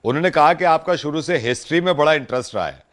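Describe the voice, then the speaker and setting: A man's voice: a little high, animated, fast, fairly bright tone. A middle-aged man making a prank phone call, posing as a family friend, earnest at first and then teasing, his voice climbing as he gets worked up. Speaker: radio prank caller.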